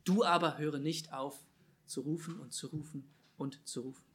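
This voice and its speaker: A man preaching a sermon, swinging between loud emphatic calls and quiet, low asides. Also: steady tone, moderate pace.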